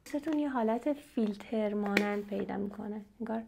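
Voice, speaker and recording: A young woman from Iran, working as a beauty vlogger, chats casually with viewers while testing makeup at home in front of the camera. She's animated and talkative and speaks to her audience directly, in a medium-pitched, creaky voice over background noise.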